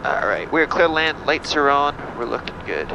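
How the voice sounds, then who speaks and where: Creaky-voiced young pilot over a headset. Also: male voice, on the high side, big pitch swings, normal speed, muffled recording. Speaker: pilot narrating the flight. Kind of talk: casual cockpit narration. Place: small jet cockpit in flight. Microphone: aviation headset. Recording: aircraft cabin noise through headset.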